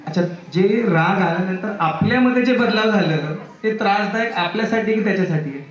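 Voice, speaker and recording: Over a noisy background, the Indian child psychiatrist speaks briskly in a high-pitched voice with a Marathi accent. He quizzes the schoolchildren with many questions and mimics children's voices, and the room echoes with their chatter.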